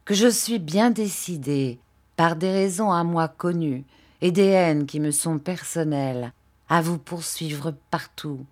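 A woman voicing a cold, spiteful young woman. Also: sits low. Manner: slow, hard, cutting delivery. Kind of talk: audiobook character reading.

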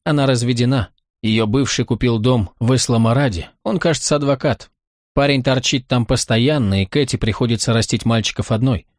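A man reading an audiobook, voicing a kind mother who chats in a gently worried way. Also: mid-range voice, a little fast, no room sound, clean studio sound, close to an everyday voice. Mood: chatty. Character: kind warm mother, woman in her thirties.

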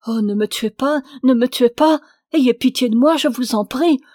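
A woman's voice: sits high, normal speed, darkish tone, no echo, clean studio sound, pitched above the performer's own voice, close to an everyday voice. A woman voicing a terrified young wife who begs and screams for help. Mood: terrifié. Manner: pleading, panicked cries. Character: frightened young wife begging for her life.

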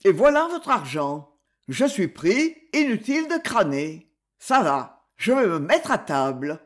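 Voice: mid-range voice, very animated, unhurried. A reader voicing a cornered, grumbling male crook in an audiobook, hesitant and surly.

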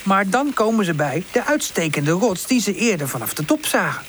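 A woman narrating a children's storybook in a calm, gentle reading voice. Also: mid-range voice, normal speed, a little hiss or hum. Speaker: audiobook narrator.

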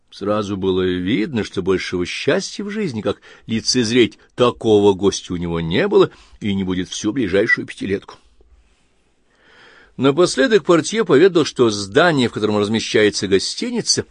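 Low-voiced man narrating an audiobook. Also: no echo.

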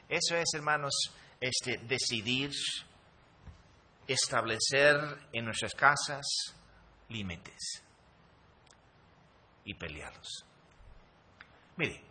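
A man's voice: medium pitch, pushed and bright, slight background noise. A middle-aged man, preaching a sermon emphatically with frequent hesitations. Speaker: pastor.

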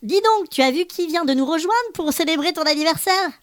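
A woman's voice: very high-pitched, lively intonation, a little fast, noisy background. A woman playing a cheerful little Christmas elf who hosts a children's podcast with bubbly, playful chatter. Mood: playful, warm. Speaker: podcast host.

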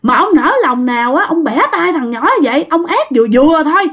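A woman voicing a furious father who shouts and berates indignantly. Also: sits high, lively intonation, a little fast, pitched above the performer's own voice. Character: furious father, a grown man, cursing.

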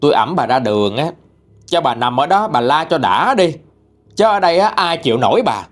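An exasperated middle-aged son, played by a male storyteller argues loudly in a Southern Vietnamese accent. His pitch leaps high when he pushes back, and faint music plays beneath. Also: very animated, normal speed. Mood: angry. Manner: loud, pleading then shouting.

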